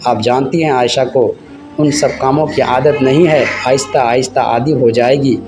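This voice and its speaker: A man voicing a gentle young husband who speaks softly and affectionately. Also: medium pitch, fairly even intonation, moderate pace, music in the background, natural voice. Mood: tender. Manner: soft, affectionate.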